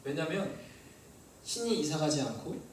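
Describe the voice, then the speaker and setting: A male pastor preaching a sermon, lively and asking the congregation questions. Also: on the high side, a little slow, very echoey, recorded from a distance, slight background noise, rough recording. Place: church hall.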